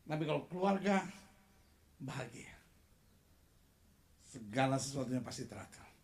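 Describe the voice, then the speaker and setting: A man preaching a lively sermon with jokes, acting out quoted voices and asking the congregation to repeat after him. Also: high-pitched, unhurried, slight background noise. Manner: animated, acts out quoted voices, asks the crowd to repeat.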